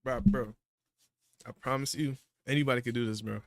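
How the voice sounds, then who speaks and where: A man in casual livestream chat, talking in relaxed slang while he eats. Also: medium pitch, a little fast, no echo, studio quality. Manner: laid-back slang, eating while talking. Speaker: livestream guest.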